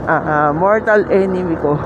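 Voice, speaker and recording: A woman's voice: fairly low pitch, dull audio. A woman motorcycle vlogger and mother chatting casually outdoors on a street, laughing often. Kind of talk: casual vlog chat. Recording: loud street traffic noise. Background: loud traffic.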